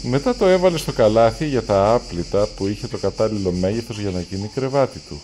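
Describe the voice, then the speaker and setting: A man reading a children's storybook aloud, lively and acting out the characters' lines. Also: on the low side, slight background noise. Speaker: storybook reader.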